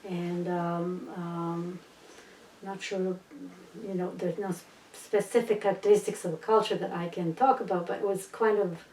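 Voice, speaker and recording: Being interviewed, a middle-aged Bosnian woman tells her personal story in English, hesitating often with many fillers, false starts and restarts. Her low-set voice is mellow and fairly flat at a normal speed, and she sits back from a distant mic in a roomy space with a faint hum of ambience.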